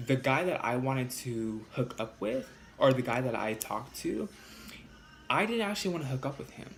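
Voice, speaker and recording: A man in a casual storytime vlog, talking fast and loose with plenty of cursing. He sits at an ordinary middle pitch but jumps sharply upward when he quotes people. Faint background noise runs under his voice. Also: creaky. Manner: animated, profane, jumps high in pitch when quoting arguments. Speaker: vlogger.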